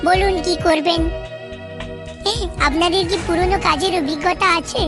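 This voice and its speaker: A woman's voice: very high-pitched, moderate pace, over music. A woman voicing a flustered interviewer at a shady business in a cartoon comedy, polite and stammering.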